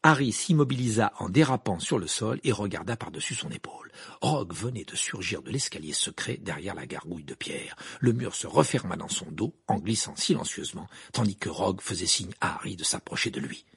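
Gravelly, husky male audiobook narrator. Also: brisk, no room sound, studio quality. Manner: expressive reading, wide pitch swings.

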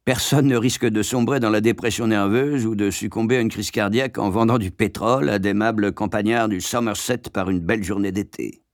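Brief: composed male storyteller, low voice, dry close sound. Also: fairly quick, hardly any pauses, no echo. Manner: calm, storytelling delivery. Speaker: narrator. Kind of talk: scripted audiobook narration.

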